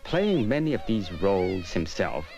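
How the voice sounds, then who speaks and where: A man's voice: lowish voice, big pitch swings, normal speed, creaky, warm tone, muffled recording. A man reading scripted documentary narration in a formal, informative style. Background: music.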